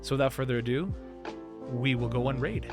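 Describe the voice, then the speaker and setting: A man's voice: medium pitch, level tone, a little fast, darkish tone, faint music behind. A man hosting a livestream, chatting casually in a rambling, self-interrupting way. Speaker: stream show host.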